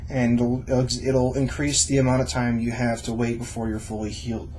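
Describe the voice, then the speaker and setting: A man's voice: medium pitch, monotone, normal speed, a little mellow, a little hiss or hum, low-quality recording. A young adult man talking informally and reassuringly to camera, explaining things in a casual vlog style. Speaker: vlogger sharing own surgery experience.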